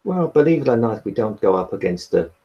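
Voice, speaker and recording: A man's voice: lowish voice, big pitch swings, a little fast, lo-fi sound. A man role-playing his character in a tabletop game in a put-on, wavering Irish accent, blunt, sardonic and sweary. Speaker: player.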